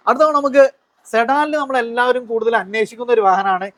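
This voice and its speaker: A man's voice: extremely high pitch, quick pace, a bit bright, no echo. A man hosting a promotional car walkaround, mixing English words into his in enthusiastic sales patter full of tag questions. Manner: mixes English words into Malayalam. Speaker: video host presenting used cars.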